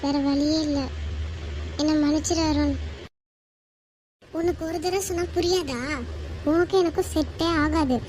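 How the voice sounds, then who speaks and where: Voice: sits high, fairly even intonation, measured pace, long pauses, darkish tone, slight background noise, low-quality recording. A performer voicing a young woman in a homemade cartoon, ending a relationship in a cold, curt, decisive way. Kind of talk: amateur cartoon voice acting.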